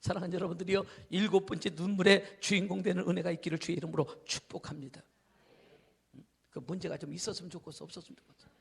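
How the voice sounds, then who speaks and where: A male pastor preaching an evening revival sermon, telling a story dramatically, acting out characters, shouting and dropping to whispers. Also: high-pitched, steady tone, fast talker, creaky, husky. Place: church hall.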